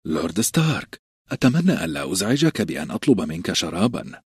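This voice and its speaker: A man reading an audiobook, voicing a secretive, soft-spoken middle-aged eunuch spymaster with a low, polite voice that can turn cutting. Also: big pitch swings, fast talker, slightly rough, no room sound, clean studio sound, full character voice. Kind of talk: audiobook character voice.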